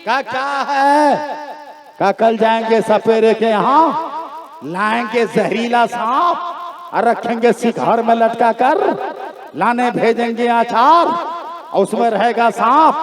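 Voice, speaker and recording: A man preaching at a religious gathering, telling a story in an animated way, acting out the characters and rising to shouts at the climaxes. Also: very high voice, slow, echoey room. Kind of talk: storytelling sermon. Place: open-air religious gathering. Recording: crowd noise from a large gathering. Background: crowd.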